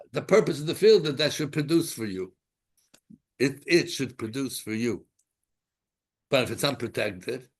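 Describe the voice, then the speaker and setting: A Torah teacher with a mid-range, slightly bright voice leads an informal class, posing rhetorical questions and mixing in Hebrew terms as he drifts into side stories.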